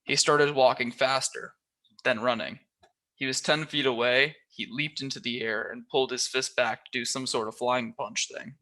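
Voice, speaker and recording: With a mid-range voice at normal speed, a volunteer reader brings a children's novel to life, slightly altering his voice for different characters as he reads.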